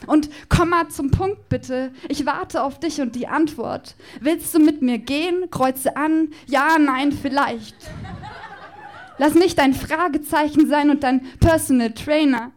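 A woman performing her own comic spoken-word love poem live, with a playful, rhythmic, mock-passionate delivery. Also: high-pitched. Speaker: poetry slam performer.

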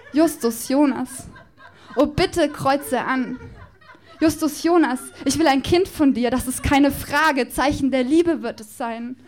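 High-voiced woman performing spoken word. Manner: playful, rhythmic, mock-passionate delivery. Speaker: poetry slam performer.

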